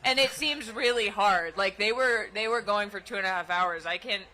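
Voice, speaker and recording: A young adult woman co-hosting a casual chat, telling stories in a bubbly, excitable way. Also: medium pitch, moderate pace. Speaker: co-host.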